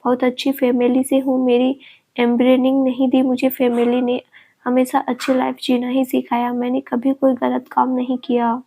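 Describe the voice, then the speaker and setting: A woman's voice: high-pitched, monotone, moderate pace, warm tone, low-quality recording. Tearful, pleading young woman, read by a narrator. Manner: pleading, earnest. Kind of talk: storybook reading.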